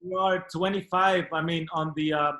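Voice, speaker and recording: A man hosting a Q&A session over a video call, switching between English and Spanish in a halting way. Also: on the high side, steady tone, bright, forceful tone, echoey room, poor audio. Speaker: host.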